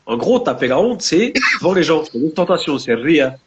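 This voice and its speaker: A man's voice: fairly high pitch, very animated, normal speed, highs cut off. A young man with a French Maghrebi urban accent talks casually in a discussion, mixing street slang with Arabic religious terms. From France, of Maghrebi family. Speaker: guest, book author.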